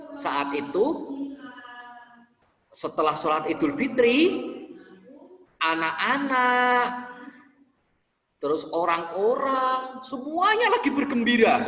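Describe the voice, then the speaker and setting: Male religion teacher for small kids; unhurried storytelling on a video call, roomy hall echo. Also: high voice. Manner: slow, warmly drawn-out, repeats words for small kids. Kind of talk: storytelling lesson for young children.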